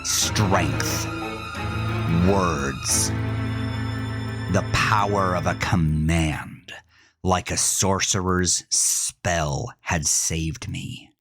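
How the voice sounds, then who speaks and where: Over music, a man tells a horror story in the first person, his husky voice sitting low. He performs it in a theatrical, intense and deliberate way.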